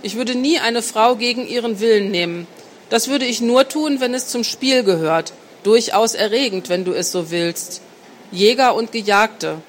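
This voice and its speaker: A smooth, seductive grown man, read by a woman. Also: fairly high pitch, normal speed, a little hiss or hum, natural voice. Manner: smooth, persuasive, teasing. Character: confident seductive grown man, calm and worldly. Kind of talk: audiobook reading.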